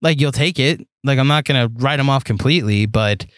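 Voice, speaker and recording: A young man hosting a solo sports podcast, talking in an animated, rambling way with lots of fillers and restarts. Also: mid-range voice, a little fast, dry recording. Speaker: podcast host.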